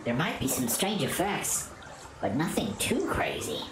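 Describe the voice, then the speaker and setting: A woman voicing a calm, wise computer AI guide, reading its lines low and measured. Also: heavy background noise. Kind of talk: reading game dialogue aloud. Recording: echoey room, loud game music.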